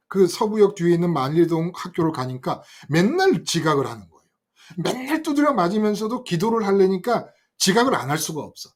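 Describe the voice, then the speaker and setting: An older man preaching a sermon, telling a story from his youth in an animated way and speaking directly to his listeners. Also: high-pitched. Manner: animated, acts out quoted voices and addresses listeners directly. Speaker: pastor.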